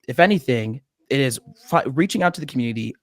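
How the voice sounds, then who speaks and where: An earnest young man calls in from a small room and speaks into a studio mic. His voice sits at an ordinary pitch and sounds dry and close. He explains at length and breaks into laughter now and then. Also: expressive, fast talker, fairly bright tone, no room sound. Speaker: medical student guest. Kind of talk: casual interview by video call. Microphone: studio mic with headphones on video call.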